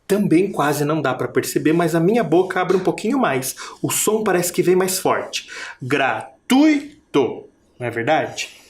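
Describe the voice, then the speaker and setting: In a recorded video lesson, a primary school teacher patiently stretches words out, sounds out each syllable, and asks the children questions. Her mid-range voice is animated and a little mellow, at a moderate pace.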